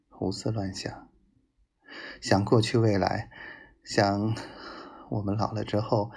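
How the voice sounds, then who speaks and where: A low, gravelly male voice speaks slowly, as if confessing love to his woman. He is possessive and domineering, with an intense, intimate delivery that sometimes sinks toward a breathy whisper. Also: a little mellow. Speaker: narrator of love monologues addressed to his wife. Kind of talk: intimate romantic monologue.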